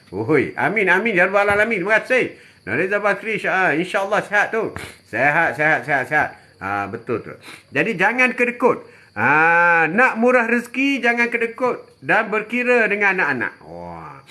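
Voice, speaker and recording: Older guy preaching on a live stream, bright voice, bouncy up and down, keeps saying ha. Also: fairly high pitch. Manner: chatty, repeats phrases, frequent "ha" interjections. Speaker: religious teacher. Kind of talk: live-stream religious advice, answering viewers.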